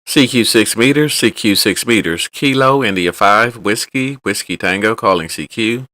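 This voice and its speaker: A man calling CQ over the air as a contesting ham radio operator, reading his call sign in the phonetic alphabet in a loud, sing-song repeated ham radio call. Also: fairly low pitch, moderate pace, no echo.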